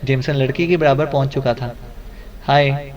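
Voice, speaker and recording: A man narrating a detective audiobook in a steady storytelling manner. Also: a little high, distant mic. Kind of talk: scripted narration.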